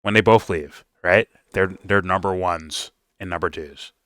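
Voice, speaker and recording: A man's voice: sits low, unhurried, a bit bright, no echo, studio quality. A man hosting a reaction show, talking loosely and profanely with stammering restarts. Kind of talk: casual reaction commentary.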